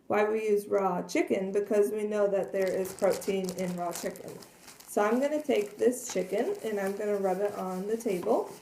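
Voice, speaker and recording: A woman demonstrating cleaning cloths in a casual, earnest way, a little hoarse from losing her voice. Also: mid-range voice, dark tone, a little hiss or hum. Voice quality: frequent throat clearing and coughs. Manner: chatty, earnest, many fillers. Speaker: product demonstrator. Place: kitchen at home. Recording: echoey room.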